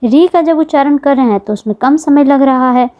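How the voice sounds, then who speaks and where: A woman's voice: sits high, normal speed, highs cut off. A woman teaching an exam-prep grammar lesson, patiently repeating key points and asking the class questions.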